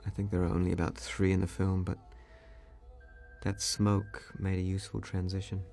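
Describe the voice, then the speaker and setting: Man, director's commentary, deep gravelly voice, monotone, mellow tone, unhurried with ums. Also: faint music behind. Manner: relaxed, measured, with frequent ums and uhs. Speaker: film director giving commentary. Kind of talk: DVD audio commentary.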